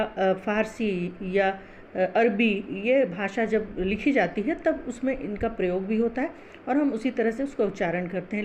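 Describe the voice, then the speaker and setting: Slow, patient female Hindi teacher. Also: fairly high pitch, a little mellow, dull audio, slight background noise. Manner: slow, patient, spells out sounds syllable by syllable. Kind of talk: classroom lesson explaining pronunciation.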